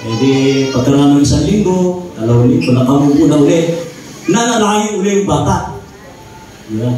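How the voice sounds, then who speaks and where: A man's voice: fairly high pitch, expressive, brisk, dark tone, slight background noise. A male pastor preaching and telling a funny story, often checking in with the congregation. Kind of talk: sermon with a humorous story. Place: church sanctuary. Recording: echoey church, voice picked up from a distance.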